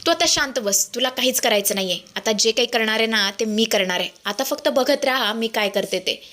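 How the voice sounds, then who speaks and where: A woman's voice: a little high, fairly quick, sharp tone. A woman voicing a scheming middle-aged mother who bosses her daughter around in a condescending tone. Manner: commanding, condescending.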